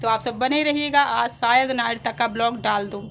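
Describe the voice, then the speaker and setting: A woman's voice: fairly high pitch, normal speed, gravelly, fairly bright tone, reverberant, slight background noise. A woman in her thirties with an Indian Hindi accent, chatting casually to viewers while doing housework at home. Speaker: vlogger. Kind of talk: casual vlog chat with viewers. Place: home kitchen.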